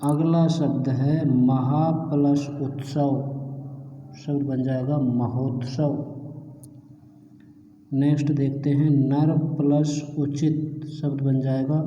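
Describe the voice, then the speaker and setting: A man's voice: medium pitch, level tone, slow, mellow, muffled recording, slight background noise. A male teacher giving a grammar lesson, methodically repeating each example step by step. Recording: echoey room with long reverb.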